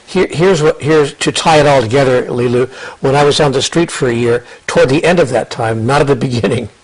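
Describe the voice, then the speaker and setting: A man's voice: medium pitch, fairly quick, low-quality recording. An older man guest in an interview, telling his story and ideas earnestly, often repeating and restarting words. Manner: earnest, repeats words and restarts, quotes others in lively asides. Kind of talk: reflective conversational storytelling.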